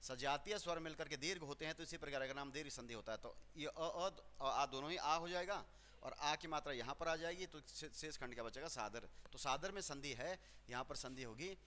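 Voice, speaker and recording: A man's voice: on the high side, brisk, sharp tone. A male teacher working through exam questions step by step, repeating words and correcting himself aloud. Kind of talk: exam solution lesson. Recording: hall reverb.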